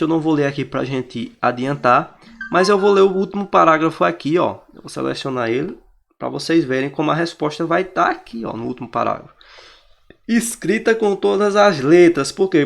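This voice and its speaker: A man's voice: on the high side, creaky. A man teaching in Portuguese with a Brazilian accent, walking students through exam answers and often pointing things out to the class.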